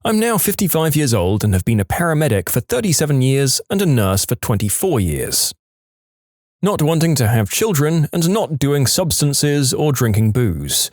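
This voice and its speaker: Lively, expressive male story narrator. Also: mid-range voice, normal speed, dry recording, studio quality. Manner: lively, upbeat storytelling with playful emphasis. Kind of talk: reading Reddit stories aloud.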